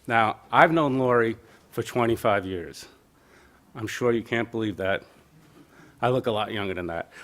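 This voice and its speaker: Guy with a bright forceful voice nominating someone at a town meeting, jokey and emphatic. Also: lowish voice, normal speed, long pauses. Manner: joking asides, emphatic and plainspoken. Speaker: nominator at a local caucus. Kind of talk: informal nominating speech. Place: community center meeting room.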